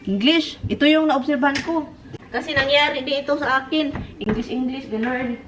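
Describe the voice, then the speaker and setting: Brief: Filipina vlogger, Visayan accent, high and chatty, kitchen noise behind. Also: female voice, normal speed. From Philippines. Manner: chatty, giggly, animated. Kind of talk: casual chat to camera.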